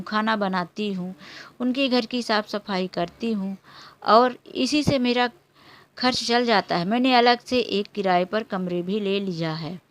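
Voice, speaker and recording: A woman's voice: mid-range voice, natural voice. A woman voicing a poor, humble housemaid who speaks plainly and earnestly in a storybook tale. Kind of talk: storybook character voice.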